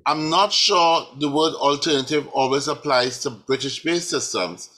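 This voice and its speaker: Bright-voiced professor on a panel. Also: male voice, on the high side, low-quality recording. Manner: measured, restarts phrases. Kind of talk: panel discussion.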